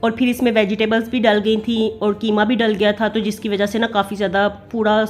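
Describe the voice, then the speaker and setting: A woman's voice: mid-range voice, little pitch movement, fairly quick, soft background music. A middle-aged woman with a Pakistani Urdu accent, chatting in a homely way as she narrates her family vlog. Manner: chatty, homely, many fillers. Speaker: family vlogger. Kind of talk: casual voice-over narration.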